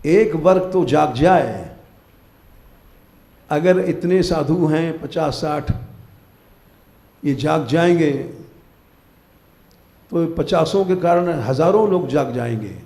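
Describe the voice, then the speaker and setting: Older guy preaching slow and firm, mellow voice a bit high, echoey hall. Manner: exhorting, commanding listeners to wake up. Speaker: spiritual teacher giving a discourse. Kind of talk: live devotional discourse. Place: temple hall, live gathering.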